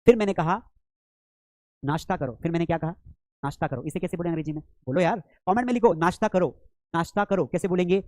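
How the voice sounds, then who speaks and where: A man's voice: high voice, fast talker, a little mellow, no echo. A man teaching a live online spoken English class with a Hindi accent, who calls his students beta and asks questions before he answers them himself.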